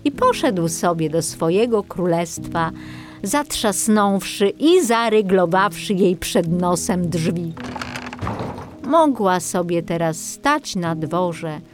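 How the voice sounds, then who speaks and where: Female storybook narrator, slow and expressive, faint music underneath. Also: on the low side. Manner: expressive, lilting.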